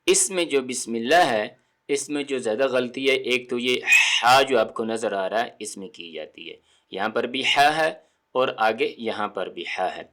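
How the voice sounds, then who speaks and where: A man teaching recitation, patiently repeating each sound slowly and checking that the listener follows. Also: mid-range voice, animated, a bit bright. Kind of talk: step-by-step tajweed lesson.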